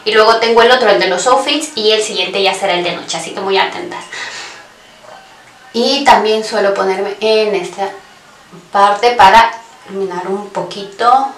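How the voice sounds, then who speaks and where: A woman's voice: medium pitch, unhurried, pauses often, a bit bright, a little hiss or hum. A woman giving a casual makeup tutorial, chatty and talking straight to her viewers, often stopping to correct herself. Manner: chatty, addresses viewers directly, frequent self-corrections. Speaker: beauty vlogger. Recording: roomy echo, voice somewhat far from mic.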